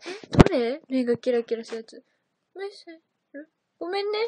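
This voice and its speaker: A woman's voice: sits high, expressive, a little fast, mellow, no room sound. A young woman chatting casually on a livestream, reading out viewer comments and giggling often. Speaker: idol livestream host.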